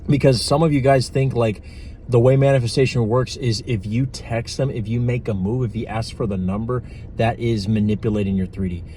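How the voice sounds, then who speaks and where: A man's voice: medium pitch, fairly even intonation, a little fast, warm tone, a little hiss or hum. A man giving blunt, profane dating and manifestation advice in a casual vlog. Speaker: manifestation coach.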